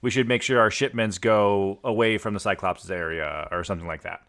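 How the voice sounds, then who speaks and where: A man's voice: fairly low pitch, steady tone, a little fast, a bit bright. A man acting as game master, explaining lore with lots of fillers and restarts. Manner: rambling, filler-heavy explaining. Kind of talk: improvised narration for a tabletop game.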